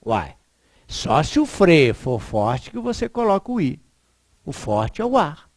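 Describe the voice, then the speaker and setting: A woman teacher gives an informal grammar lesson. She is chatty and emphatic, tags her points with quick questions and chuckles often. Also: sits low, big pitch swings, a little mellow, no room sound, studio quality. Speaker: Portuguese teacher.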